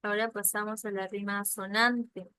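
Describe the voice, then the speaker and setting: A woman's voice: mid-range voice, flat delivery, normal speed, sharp tone, smooth, no echo, poor audio. A woman teaching a literature lesson, explaining patiently with examples and often checking in with a questioning "ya?".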